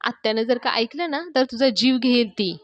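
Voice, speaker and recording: A woman reading the lines of a caring young man, gently coaxing and reluctant. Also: on the high side, moderate pace, no room sound, muffled recording, close to an everyday voice.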